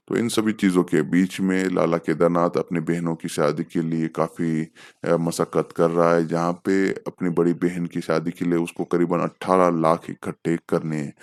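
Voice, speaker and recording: A man's voice: sits low, darkish tone, no echo. A man casually recapping a film's plot as a reviewer, talking off the cuff with hesitant fillers and self-corrections. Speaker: film reviewer.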